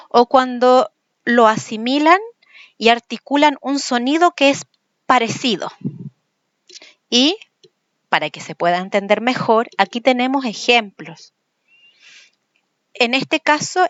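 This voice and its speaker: Lady teacher explaining step by step, bit high voice, dull dry recording. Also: a bit bright, no echo. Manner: explains patiently, repeats example words slowly. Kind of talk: recorded lecture on speech sounds.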